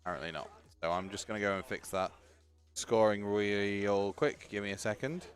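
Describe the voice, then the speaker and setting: A man's voice: fairly low pitch, moderate pace, clean tone, soft background music. Chatty man commentating a tabletop game. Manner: chatty, joking, runs the stream tech while talking. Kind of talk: casual live-stream commentary.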